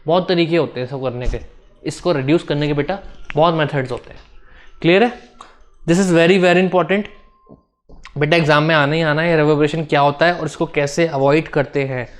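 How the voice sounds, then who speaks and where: A man with an Indian accent teaching a physics class online, explaining in Hindi mixed with English, often checking if students follow and slowing down to dictate definitions. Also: a little high, steady tone.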